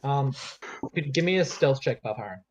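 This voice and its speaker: A man's voice: medium pitch, animated, fairly quick. A man narrating a tabletop game as game master, casually and with hesitant, improvised phrasing. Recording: dull lo-fi audio, music underneath. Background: faint music.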